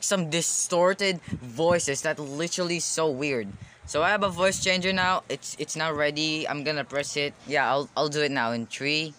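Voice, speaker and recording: A man's voice: fairly high pitch, pushed and bright, a little hiss or hum. A young man, a video creator chatting casually in a self-conscious, rambling way that often circles back on itself.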